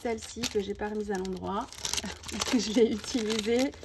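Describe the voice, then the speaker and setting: A woman's voice: mid-range voice, fairly even intonation, normal speed, background noise. A woman presenting a scrapbooking collection in a casual show-and-tell, chatty and full of small "hop" and "voilà" asides. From France. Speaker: scrapbooking video host.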